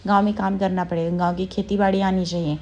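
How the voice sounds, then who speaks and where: A woman's voice: medium pitch, level tone, fast talker, warm tone, highs cut off, a little hiss or hum, lightly acted. A woman reading the lines of a brash, defiant village man in her own voice, blunt and scolding.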